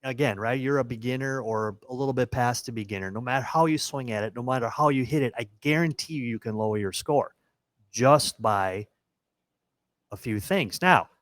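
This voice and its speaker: Emphatic golf coach talking casually. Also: male voice, mid-range voice, normal speed, fairly bright tone, no room sound. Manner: emphatic, repeats phrases when explaining. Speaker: golf podcast co-host, golf coach. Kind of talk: casual chat.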